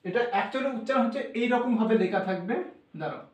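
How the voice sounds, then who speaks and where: A man's voice: very high voice, racing. A man teaching English pronunciation, explaining step by step and asking his students questions. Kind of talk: explanatory classroom lesson. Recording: echoey room, voice from far off.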